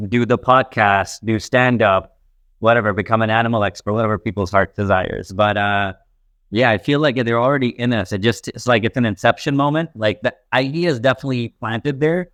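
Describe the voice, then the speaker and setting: Studio-quality audio without room sound captures a young man from Pakistan whose voice is fairly low in pitch and fairly bright in tone. A stand-up comedian guesting on a podcast, he rambles through a casual chat packed with fillers.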